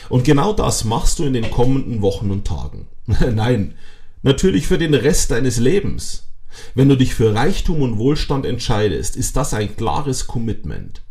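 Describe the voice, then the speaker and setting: A man reads a motivational self-help audiobook with a lively voice that rises and falls a great deal. His pitch sits in the middle of the male range. He speaks straight to the listener and drops wry, joking asides. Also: moderate pace. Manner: emphatic, addresses the listener directly with wry asides; lively, strongly varied intonation. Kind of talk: scripted motivational audiobook narration.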